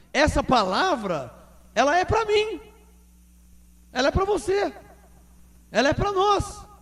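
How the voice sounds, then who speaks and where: A man with a Brazilian Portuguese accent preaching a sermon as pastor, emphatic and repetitive, calling the congregation for amens. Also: extremely high pitch.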